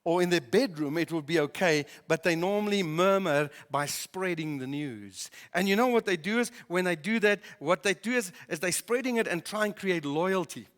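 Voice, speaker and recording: A man preaching a sermon as pastor, in a lively conversational way with many fillers. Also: high-pitched, normal speed, hardly any pauses. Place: barn church hall. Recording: reverberant church hall.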